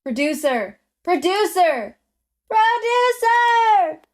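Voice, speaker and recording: A woman's voice: fairly high pitch, normal speed, close to an everyday voice. A woman voicing a condescending young woman who owns a company and scolds her employee. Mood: scolding. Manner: curt, scolding, superior.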